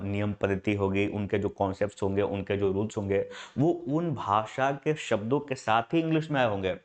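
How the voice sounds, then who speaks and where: A man with a medium-pitched, darkish voice and an Indian English accent leads an online English grammar class in Hindi. He breaks things down step by step, throws out rhetorical questions, and refers to his students as "my brother."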